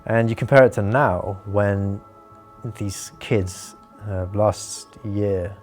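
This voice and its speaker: A man's voice: lowish voice, steady tone, takes it slowly, soft background music. A man from Hong Kong, interviewed with his voice disguised, explaining things earnestly with frequent restarts. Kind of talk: explaining, measured interview talk.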